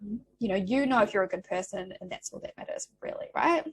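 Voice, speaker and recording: A woman's voice: mid-range voice, fast talker, breathy edge. A woman hosting a podcast, talking candidly and encouragingly in casual chat with plenty of swearing. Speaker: podcast host.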